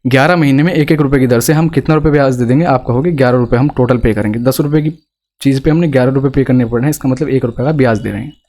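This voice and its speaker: Talking very fast with a medium-pitched, darkish voice, this man teaches math for exam prep in an Indian accent. He breaks down each problem step by step and throws rhetorical questions at his students.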